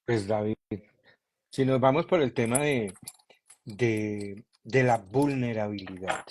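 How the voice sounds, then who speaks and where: A man talking calmly and earnestly as a podcast guest, searching for words as he goes. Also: lowish voice, takes it slowly. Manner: calm, earnest, repeats himself while searching for words. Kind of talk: reflective conversation.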